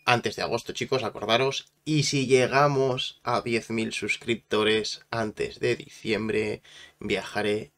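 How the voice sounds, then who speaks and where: A man's voice: lowish voice, steady tone, slow pace, a bit bright, a little hiss or hum. A man from hosting a reaction video, talking in a loose, rambling way with many restarts. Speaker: reaction channel host. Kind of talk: casual reaction commentary.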